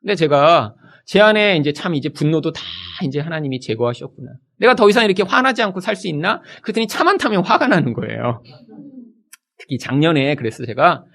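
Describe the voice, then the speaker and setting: A middle-aged man preaching a sermon in a church as pastor, acting out the people he quotes. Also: high-pitched. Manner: animated, acts out quoted people in his preaching.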